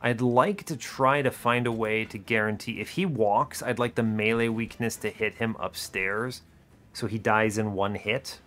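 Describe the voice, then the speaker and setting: A man hosting a gaming video thinks aloud about his strategy in short, colloquial, wryly casual remarks. His voice sits on the low side, fairly bright, and he speaks a little slowly. Game music plays behind him.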